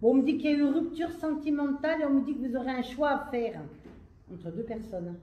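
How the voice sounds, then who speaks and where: A woman's voice: sits high, fast, warm tone, roomy sound. A woman working as a medium, relaying messages in a dramatic way. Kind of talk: stage medium reading.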